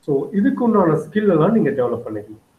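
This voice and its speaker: A middle-aged man with a South Indian Tamil accent teaches in a didactic, repetitive way. His voice is fairly high and races along very quickly. The sound is thin and phone-like, as from an online meeting. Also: sing-song. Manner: didactic, repeats key points. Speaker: business trainer. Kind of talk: online lecture with slides, switching between two languages. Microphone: video call microphone. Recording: phone-like, roomy webmeeting audio.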